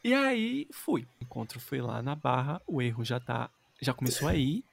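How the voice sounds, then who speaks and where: A young man hosting a podcast, telling stories in an animated, self-mocking way. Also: medium pitch, normal speed, creaky. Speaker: podcast host. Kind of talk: casual storytelling chat.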